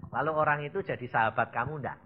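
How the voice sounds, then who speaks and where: A man, preaching a sermon as an evangelist, swinging between loud emphasis and low asides and questioning the congregation. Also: fast talker. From Indonesia. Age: 70s. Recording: dull lo-fi recording.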